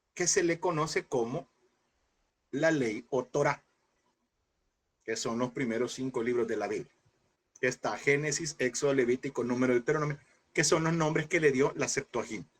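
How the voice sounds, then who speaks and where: A man teaching a Bible seminary class in a lively preaching style, asking rhetorical questions and acting out scenes in sudden high shouts. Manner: animated, mimics voices with sudden high shouts; addresses listeners as brother, rhetorical questions.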